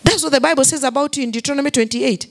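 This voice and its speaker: A woman's voice: sits high, rapid-fire. A Kenyan woman pastor preaching a sermon, repeating key phrases, mixing English with Swahili and calling for responses from the congregation.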